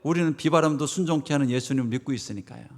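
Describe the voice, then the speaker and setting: A man's voice: mid-range voice, rapid-fire. Dramatic preacher man, reverberant sanctuary. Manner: dramatic, swings from loud proclamations to hushed asides; asks the congregation rhetorical questions. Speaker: pastor. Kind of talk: Sunday sermon. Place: church sanctuary. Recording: long church reverb.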